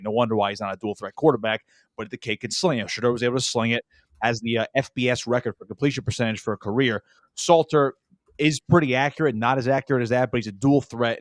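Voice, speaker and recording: A man's voice: medium pitch, dry recording, clean studio sound. Emphatic New Jersey sports talk man. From South Jersey. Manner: emphatic, stammers and repeats himself.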